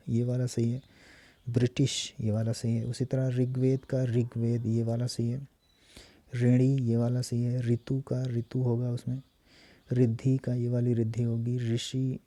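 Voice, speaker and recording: Flat-voiced man drilling spelling. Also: mid-range voice, no echo. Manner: steady, repetitive drilling of words. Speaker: teacher. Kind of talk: exam-prep spelling lesson.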